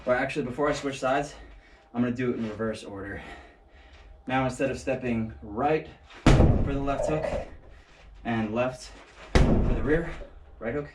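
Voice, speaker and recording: A medium-pitched man at a moderate pace runs a casual martial arts session indoors, joking and thinking aloud while demonstrating. His voice reaches a distant action camera mic, producing an echoey sound with a trace of noise.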